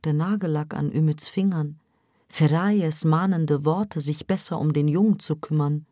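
A woman narrating an audiobook in a calm, measured second-person style. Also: deep voice, dry recording, clean studio sound.

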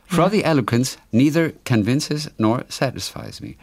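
A man's voice: medium pitch, expressive, a little slow, creaky, darkish tone. A German-speaking man co-hosting a casual chat, reading aloud and looking up words. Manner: reads aloud and looks up words. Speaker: podcast co-host.

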